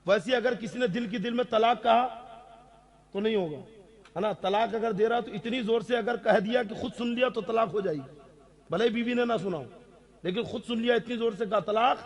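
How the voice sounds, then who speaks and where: A man's voice: very high voice, a bit bright. A man, an Islamic scholar, answering audience questions on religious rules, stressing key points and often checking that listeners follow. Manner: emphatic, repeats key rulings.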